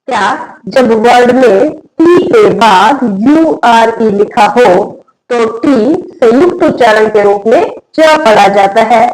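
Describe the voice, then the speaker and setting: A woman with a high voice gives an English spelling lesson. She talks slowly and spells each word out letter by letter. She keeps asking simple questions and then answers them herself. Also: darkish tone, rough recording. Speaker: English teacher. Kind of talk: Hindi-medium spelling lesson.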